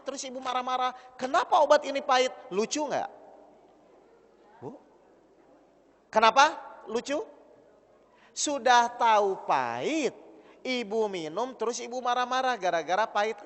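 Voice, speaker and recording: A man's voice: very high voice, fairly bright tone. A male preacher giving an interactive religious talk to a gathering of women, teasing them and asking them questions over and over. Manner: teasing, keeps questioning the audience. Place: gathering hall with an audience of women. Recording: long hall reverb.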